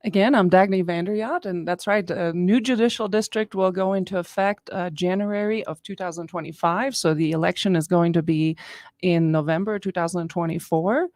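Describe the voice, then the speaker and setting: A middle-aged woman from Austria, a guest giving earnest, measured answers in a radio interview in the studio. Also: lowish voice, darkish tone, no room sound. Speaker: guest, district attorney candidate.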